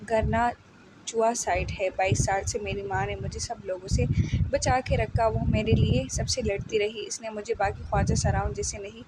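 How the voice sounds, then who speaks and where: A woman's voice: mid-range voice, steady tone, natural voice. Woman voicing a timid, tearful young transgender woman. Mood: pleading, tearful. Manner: drawn-out, deferential speech with many "ji". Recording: loud background noise.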